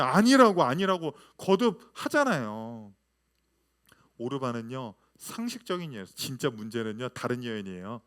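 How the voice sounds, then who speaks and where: A man in his thirties, a pastor, preaching a lively sermon full of rhetorical questions to his congregation. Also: a little high.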